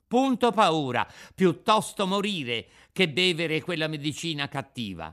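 A man's voice: very animated, measured pace, a bit bright. A man doing a whiny wooden puppet boy. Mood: stubborn whining. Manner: whining, shrill protests.

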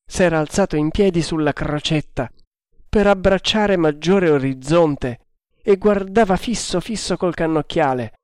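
A man reading an adventure novel aloud in a measured, deliberate narration. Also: a little high, darkish tone, no room sound, studio quality.

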